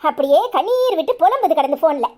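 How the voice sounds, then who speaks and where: This cartoon voice-acting clip features an angry, nagging young village wife, performed by a woman with a Kanyakumari Tamil accent, scolding and sarcastic. Her pitch sits high and jumps around, delivered in an animated, quick rush over a noisy background.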